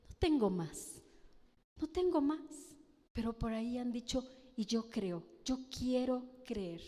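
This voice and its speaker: A woman's voice: fairly high pitch, dark tone. A woman preaching a sermon in a Mexican Spanish accent, speaking emphatically and often asking the congregation questions, heard in a church hall. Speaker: pastor's wife preaching. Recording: long church-hall reverb.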